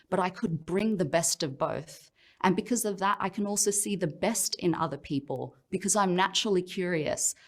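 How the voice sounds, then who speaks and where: A woman with an Australian accent giving a reflective, personal motivational talk as a professional speaker, often pausing with "um". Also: on the low side. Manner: reflective, personal storytelling with frequent "um"s.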